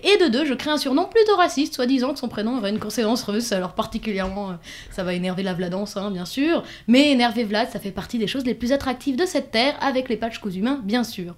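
A woman's voice: fairly high pitch, lively intonation, fast talker. A woman hosting a podcast, playful and lyrical, poking fun at herself. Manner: playful, lyrical, self-mocking. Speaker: podcast host. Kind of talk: podcast intro and casual chat.

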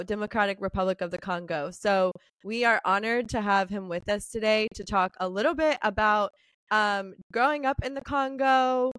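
A woman's voice: mid-range voice, a bit bright, clean tone, dry recording. A woman co-hosting a podcast, introducing a guest in a friendly, casual way. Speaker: podcast co-host.

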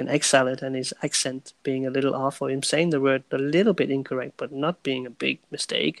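A man speaking in a flat, even tone, in a dry, close-miked sound. He hosts a relaxed podcast conversation and recaps it in English. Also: mid-range voice, gravelly, no room sound. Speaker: podcast host and translator.

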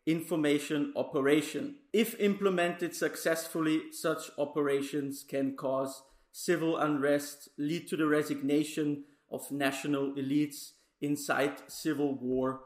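A male podcast host reads a scripted introduction in a formal, measured way. His voice sits a little higher than most men's. The recording has a noticeable room echo around it. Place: Brussels. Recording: roomy echo.

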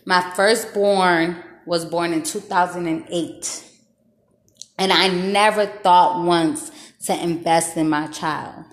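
A woman's voice: on the low side, fairly even intonation, takes it slowly, reverberant. Slangy woman host in her thirties. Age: 30s. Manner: candid, slangy, laughs often. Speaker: podcast host. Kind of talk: casual chat.

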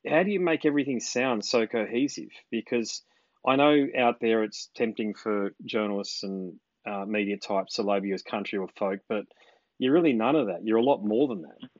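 A man's voice: lowish voice, moderate pace, darkish tone, no echo, muffled recording. An Australian man interviewing casually by phone, with a blokey, informal tradesman-like manner.

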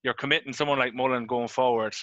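A man's voice: medium pitch, fairly even intonation, quick pace, a bit bright, no room sound, muffled recording. A man with an Irish accent hosting a casual sports chat podcast. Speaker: podcast host.

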